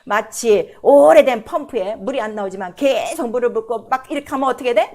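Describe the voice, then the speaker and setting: A woman pastor preaching a sermon, firing questions at the congregation and swinging between loud, emphatic declarations and hushed, prayerful passages. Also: high-pitched. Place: church service.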